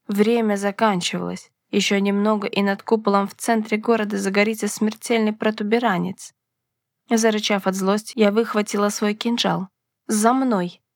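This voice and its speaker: A woman narrating a first-person fantasy audiobook, telling the story in a lively, expressive way. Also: mid-range voice, vocal fry, no room sound, clean studio sound.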